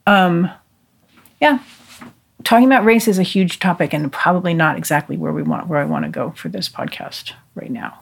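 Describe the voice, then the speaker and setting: A podcast co-host in a casual discussion, talking fast with frequent restarts and offhand swearing. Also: medium pitch, big pitch swings, gravelly, slightly rough.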